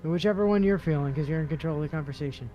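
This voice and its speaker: A man's voice: fairly high pitch, racing, muffled recording. A man chatting casually during a game, with a dry, sarcastic delivery. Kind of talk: casual gaming chat. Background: game music.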